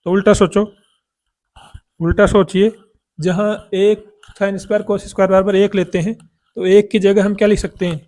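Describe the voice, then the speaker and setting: A man's voice: sits high, little pitch movement, a little slow, long pauses, darkish tone. A man teaching a math lesson, asking questions and answering them himself.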